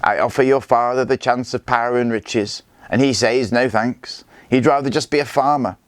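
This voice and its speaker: A man's voice: mid-range voice, steady tone, moderate pace, no echo, voice pushed up, natural voice. A man voicing a cruel, smug Viking warlord who talks in a mocking, self-satisfied way. His lines come from a storybook read aloud.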